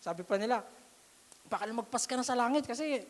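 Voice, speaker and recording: A woman's voice: on the high side, fast. A woman giving an emotional testimony sermon at a church service, often asking the congregation "Amen?". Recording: long hall reverb.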